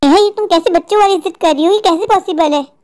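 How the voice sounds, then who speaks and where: A woman voicing a weary, patient husband in a cartoon dub, calmly reasoning with his wife. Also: very high voice, fast talker.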